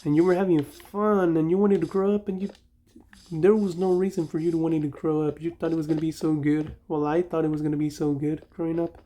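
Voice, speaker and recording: A young man with a Mexican accent hosts a gaming channel, his voice pitched on the high side and warm in tone. He talks a little fast with flat delivery, rambling nostalgically while he plays and often correcting himself mid-sentence.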